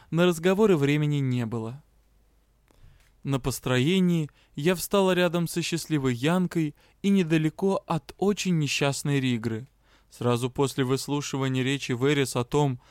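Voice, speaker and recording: A man's voice: mid-range voice, smooth, dry recording, studio quality. A man narrating a fantasy audiobook in the first person. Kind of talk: scripted narration.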